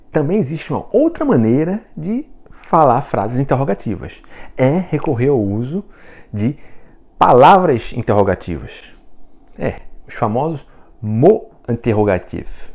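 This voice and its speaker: Man, Brazilian Portuguese accent, French teacher, casual video lesson, joking, chatty, very animated intonation. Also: medium pitch, a little slow. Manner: jokey, laughs at his own puns; chatty, checks in with "né?" and "tá?".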